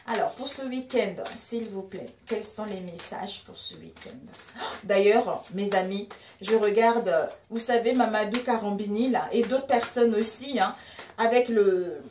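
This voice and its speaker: Une femme à l'africain francophone qui fait un tirage de tarot en direct, bavarde et animée, s'adressant à ses amis spectateurs. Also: female voice, mid-range voice, unhurried, roomy sound, distant mic, slight background noise. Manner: animated, laughs often, addresses viewers as friends. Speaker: tarot card reader. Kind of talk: live tarot reading chat.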